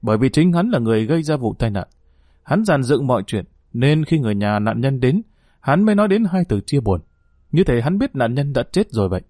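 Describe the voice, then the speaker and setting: A man's voice: medium pitch, big pitch swings, brisk, dry recording, studio quality. A man voicing an angry, determined middle-aged father who questions sharply and curses the culprits. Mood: furious. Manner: forceful, bitter.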